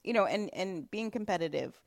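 A woman's voice: mid-range voice, animated, a little fast, gravelly. A woman hosting a casual podcast conversation, talking in a chatty way with many fillers. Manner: chatty, frequent fillers and laughs. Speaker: podcast host.

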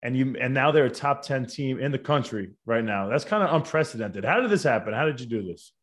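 A man's voice: medium pitch, expressive, brisk. An American man interviewing in a casual, bantering, slangy way, as one fighter to another. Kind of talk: casual chat.

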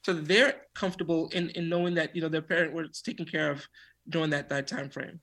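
Bright-voiced man, a doctor on the radio. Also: on the high side, fairly even intonation. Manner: earnest, storytelling, quick to laugh. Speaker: physician guest. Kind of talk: casual radio conversation.

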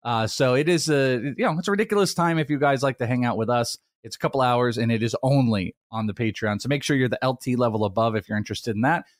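Male podcast host, medium pitch, informal teasing chat, very dry studio sound. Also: fast, few pauses, no echo. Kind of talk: casual, bantering podcast talk.

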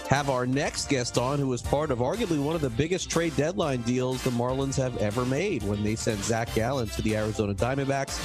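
A man's voice: medium pitch, fairly quick, few pauses, over music. A man hosting a sports podcast, interviewing a guest in a rambling, casual way with many restarts. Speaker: podcast host.

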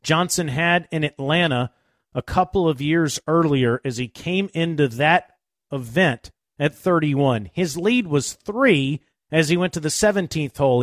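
Casting: male golf show host, fairly high voice, recap narration, close dry studio sound. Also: no echo.

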